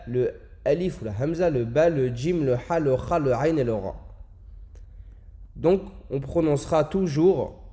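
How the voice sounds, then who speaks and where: Patient man with a mellow voice teaching. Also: fairly high pitch. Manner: patient, repeats words slowly and stresses sounds. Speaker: Arabic teacher. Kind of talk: explaining a lesson, slow demonstrations of words.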